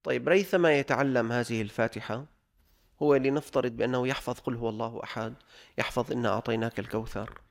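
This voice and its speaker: A male religious teacher, his voice gravelly, at an ordinary middle pitch. He reads from a legal text and then explains it in everyday speech. He slows down to repeat each example. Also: steady tone. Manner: repeats examples slowly for emphasis.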